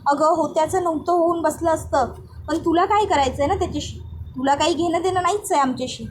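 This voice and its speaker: A woman's voice: very high-pitched, fast talker, slight background noise. A woman voicing an angry mother who harshly orders her daughter out. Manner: harsh, dismissive.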